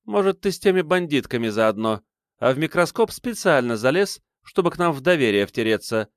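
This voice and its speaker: A man's voice: on the high side, sing-song, a little fast, no room sound, studio quality, voice pushed up. A man voicing a suspicious, spiteful middle-aged woman in an audiobook. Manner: sneering, spiteful.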